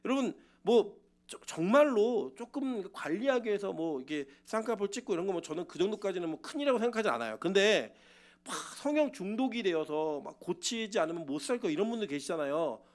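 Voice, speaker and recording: A man preaching a sermon as pastor, swinging between loud exhortation and quiet personal storytelling. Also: high voice, sing-song, a little fast.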